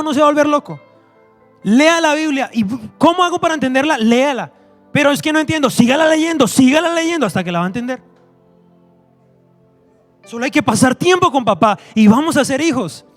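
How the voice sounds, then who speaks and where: A man's voice: very high-pitched, a bit bright. A man preaching a sermon to his church, emphatic and repetitive, acting out quoted voices. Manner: emphatic, repeats phrases, acts out quoted voices.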